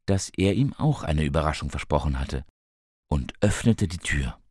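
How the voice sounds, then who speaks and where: A man narrates a storybook tale at a slow, unhurried pace, his voice sitting very low. He reads calmly and lifts his pitch when he quotes the characters. The recording is dry and close, with no room sound around him. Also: no room sound.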